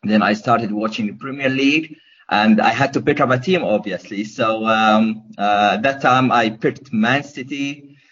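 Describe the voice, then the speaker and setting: A young man from Gaza, Palestine, answers podcast questions as a guest, hesitating with lots of ums and restarts. His voice sits lowish, a bit bright and slightly rough, and he talks a little slowly. The casual interview comes through dull, lo-fi podcast audio.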